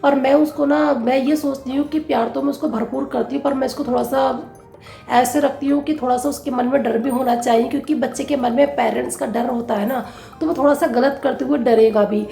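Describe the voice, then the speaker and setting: A woman's voice: high-pitched, fairly even intonation, a little fast, vocal fry, mellow, reverberant, soft background music. A woman chatting casually through a home vlog with a rambling, homely way of giving advice. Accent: Hindi, north Indian. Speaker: vlogger. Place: home kitchen.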